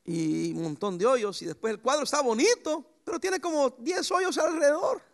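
A man preaching a sermon as pastor, lively and anecdotal, with sudden jumps in pitch. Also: moderate pace, vocal fry.

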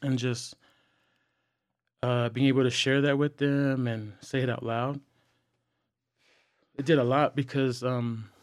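A young man sharing personal struggles in a candid, earnest way, halting often with fillers and restarts. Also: mid-range voice, flat delivery, dry recording, studio quality. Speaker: podcast guest.

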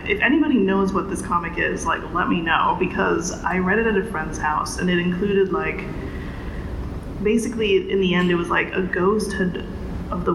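A friendly, chatty moderator from Indonesia runs a panel at a middling pitch. The room gives a long reverberant echo. Steady background noise runs beneath the voice. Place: hotel meeting room with audience. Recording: echoey hall, background noise.

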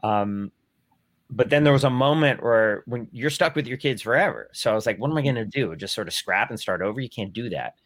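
A man's voice: mid-range voice, lively intonation, a little fast, fairly bright tone, no echo. A man in his forties talks in a casual group discussion. His speech rambles and restarts, with a self-deprecating tone. The recording is dry and close, with a mid-range voice.

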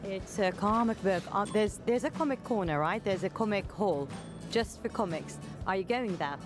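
An upbeat, chatty woman reporter interviewing visitors at a book fair. Her voice sits at a middle pitch, and music plays clearly in the background. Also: lively intonation, normal speed. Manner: upbeat, chatty, laughs easily. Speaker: roving reporter. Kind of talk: vox-pop interviews.

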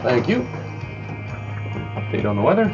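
A man's voice: medium pitch, big pitch swings, normal speed. A man, a radio morning show host, casually explaining his work with lots of fillers and restarts. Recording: slightly dull lo-fi sound with faint music.

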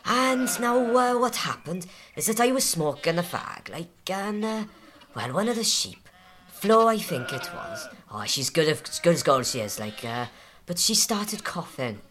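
Woman voicing a male farmhand, rambling and hesitant, lively pitch. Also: a little slow, slight background noise. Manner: rambling, hesitant, full of fillers. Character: rambling male farmhand, simple and long-winded.

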